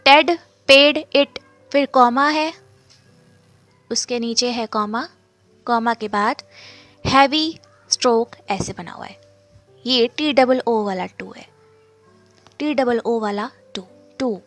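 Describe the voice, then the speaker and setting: With soft music in the background and no room sound, a woman with a fairly high pitch walks through a shorthand lesson. She goes slowly and leaves long pauses, repeating each sound and raising questions that she answers herself.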